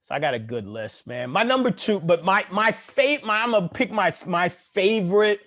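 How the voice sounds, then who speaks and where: A man co-hosting a casual podcast chat, talking in animated, profane, laughing banter. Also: sits high, moderate pace. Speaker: podcast co-host.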